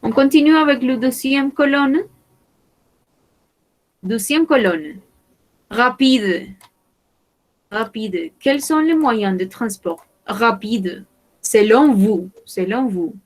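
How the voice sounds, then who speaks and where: Slow, careful female French teacher. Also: on the high side, poor audio. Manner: slow, careful, repeats words for learners. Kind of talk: online language lesson.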